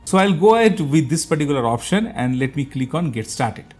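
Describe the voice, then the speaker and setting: A man's voice: on the high side, sing-song, a little fast, darkish tone, soft background music. A man with an Indian accent, from India, hosting a step-by-step tech tutorial and chatting with a voice assistant, explaining with plenty of fillers.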